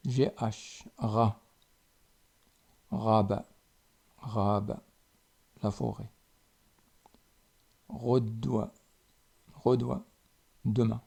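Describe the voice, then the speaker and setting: A man teaches a language lesson, saying each word slowly and then repeating it. His voice is very dark and mellow, with a gravelly edge. It also sounds a little husky. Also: mid-range voice, level tone. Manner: slow and deliberate, repeating each word with pauses. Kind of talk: slow spoken lesson.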